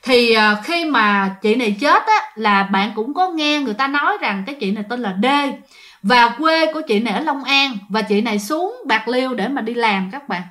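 Woman telling ghost stories, high voice, chatty, talks right to the listeners. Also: expressive, moderate pace, pushed and bright. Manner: chatty, addresses listeners directly. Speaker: storyteller. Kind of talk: ghost story narration.

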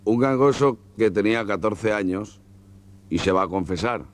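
A man's voice: lowish voice, normal speed, a little hiss or hum. A man from Spain telling jokes as a comedian in a chatty, laughing storytelling manner. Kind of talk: joke telling, stand-up.

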